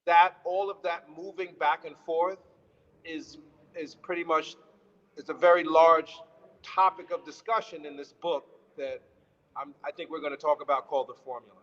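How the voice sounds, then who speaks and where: A man from Brooklyn, New York, a guest author being interviewed, tells his life story in a somewhat high, fairly bright voice with fairly even intonation and a moderate pace. He rambles, corrects himself as he goes and laughs easily. The recording sounds dull, with long reverb.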